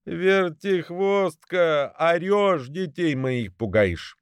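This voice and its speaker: A man's voice: medium pitch, slow, gravelly, a little mellow, clean tone, no room sound, pitched above the performer's own voice. A man voicing a fretful, complaining old mother goose in a storybook reading. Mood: scolding. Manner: plaintive, complaining.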